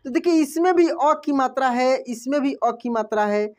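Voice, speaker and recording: A man teaching a language lesson, repeating each example word slowly and clearly and quizzing himself with short questions before answering. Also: very high-pitched, darkish tone. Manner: drills words by repeating them with quick self-questions. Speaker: Hindi teacher. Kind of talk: classroom-style lesson.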